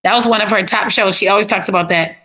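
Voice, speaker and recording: A woman therapist telling stories in a casual interview, animated and plain-spoken with easy slang. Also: medium pitch, fast. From South Florida.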